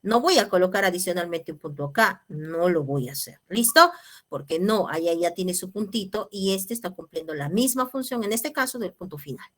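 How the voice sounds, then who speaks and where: A woman's voice: fairly low pitch, animated, moderate pace. Woman teaching an online class. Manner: patient, checks in with tag questions.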